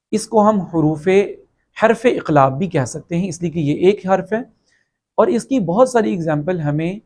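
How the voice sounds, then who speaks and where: A man's voice: fairly high pitch, a little mellow. Patient man teaching Quran recitation rules. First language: Urdu. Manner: patient, slow drawn-out recitation of example words. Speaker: tajweed teacher. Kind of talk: recorded online lesson.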